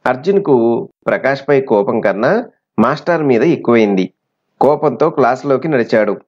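A man's voice: medium pitch, lively intonation, normal speed, a little mellow, husky. Man narrating a children's storybook. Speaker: audiobook narrator. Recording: slightly muffled recording.

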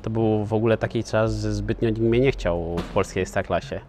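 Thirties male athlete, halting casual answers, lowish voice, faint music bed. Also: fairly even intonation, dark tone. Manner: hesitant, many filler sounds and restarts. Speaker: professional footballer, guest.

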